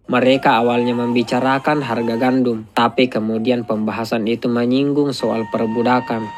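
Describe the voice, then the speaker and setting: Man, film recap narrator, scripted voice-over, steady delivery, mid-pitched voice. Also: normal speed.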